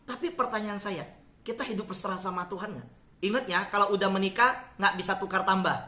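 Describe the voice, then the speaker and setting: A man in his forties preaches in an earnest, chatty way and talks straight to his listeners as he tells a story from his own life. His voice is bright and clear. The room gives it a noticeable echo. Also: high voice. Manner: earnest, conversational, addresses listeners as "saudara". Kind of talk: sermon with personal testimony.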